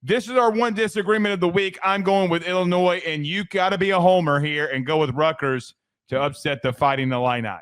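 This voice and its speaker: A man's voice: high voice, steady tone, brisk, fairly bright tone, clear, resonant tone. A man co-hosting a casual sports podcast, talking picks with frequent stammered restarts and turning to his partner by name. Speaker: podcast co-host.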